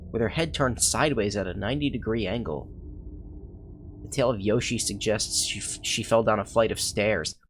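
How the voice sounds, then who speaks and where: A man's voice: on the low side, slight background noise, natural voice. A man reading scripted first-person horror game narration as an anxious young character. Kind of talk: scripted narration read from a horror visual novel.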